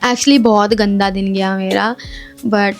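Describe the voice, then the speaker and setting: A young woman vlogger telling a casual story in a chatty, expressive way, slipping in English phrases. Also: mid-range voice, slow, soft background music.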